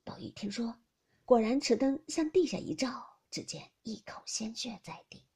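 Breathy, expressive woman narrator. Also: on the high side, moderate pace. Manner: expressive, with many whispered passages. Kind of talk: classic novel audiobook reading.

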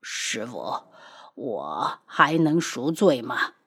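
Remorseful young male healer, faint and husky, in an audiobook, played by a woman. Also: deep voice, sing-song, unhurried, voice pushed down, exaggerated voice. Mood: despairing.

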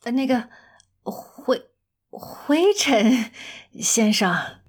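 A woman's voice: a little high, sing-song, husky, full character voice. A woman voicing a shy, adventurous young male clerk who stammers and halts. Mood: stammering. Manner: stammering, halting.

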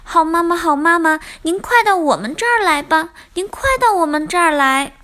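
A woman voicing a group of small, eager tadpoles with high, pleading, excited calls. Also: measured pace, exaggerated voice.

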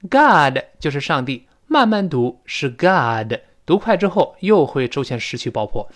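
Animated male English teacher. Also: a little high. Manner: drills words by repeating them slowly; emphatic, explanatory. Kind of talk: pronunciation lesson in Chinese.

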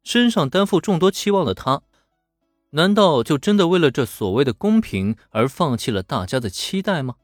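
Male narrator, chatty storytelling, lively pitch, dry close voice, faint music behind. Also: moderate pace, dry recording. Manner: chatty, animated, colloquial asides. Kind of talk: storytelling narration of a serial novel. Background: faint background music.

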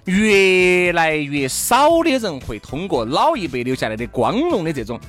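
声音明亮、音调偏高的四川话男主持. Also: male voice, on the high side, big pitch swings, normal speed, a bit bright, faint music behind. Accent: Sichuan. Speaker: talk show co-host. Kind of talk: casual bantering radio chat in Sichuan dialect.

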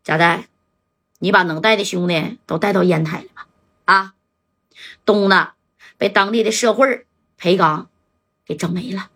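A woman voicing a somber older male gang brother who speaks low and tersely. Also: normal speed, pauses often, fairly bright tone, husky. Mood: grim.

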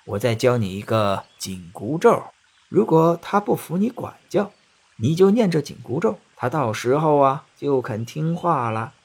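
A man voicing a kindly old woman in a children's story, speaking slowly, softly and coaxingly. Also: mid-range voice, very animated, breathy edge, heavily acted. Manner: slow, soft, coaxing.

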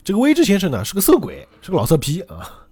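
A man's voice: high-pitched, quick pace, slightly rough. A man hosting a podcast, casually retelling a story and acting out every character. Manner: animated, acts out every character. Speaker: podcast host.

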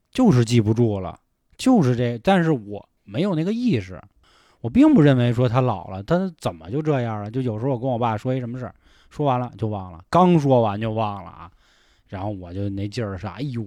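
Male podcast host, frank reflective chat, mid pitch, dry studio mic. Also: big pitch swings, fairly quick, dark tone, no room sound. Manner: frank, swears a lot, reflective. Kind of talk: casual chat.

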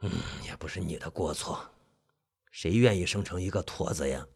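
Man doing a hoarse, deep old uncle. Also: darkish tone, full character voice. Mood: gruff scolding. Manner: slow, scolding instructions. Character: old village uncle, gruff, stern barber.

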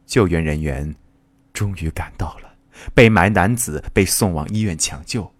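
A man's voice: deep voice, measured pace, no room sound. A man reading a short story aloud in an earnest, dramatic way. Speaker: reader.

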